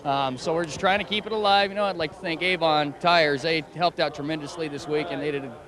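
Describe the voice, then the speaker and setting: Tired winning driver guy, high excited voice, rambly thank-yous, crowd loud behind. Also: quick pace. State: worn out after a double stint. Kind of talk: post-race victory lane interview. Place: outdoors in victory lane at a racetrack. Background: crowd noise.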